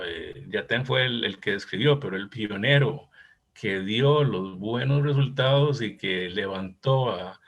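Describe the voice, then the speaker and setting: Man, 60s, cardiologist in a seminar: slow, husky, lower voice, hesitant and reflective. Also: a bit bright. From Costa Rica. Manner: thoughtful, reminiscing, hesitant. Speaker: cardiologist discussing a case presentation. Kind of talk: academic case discussion.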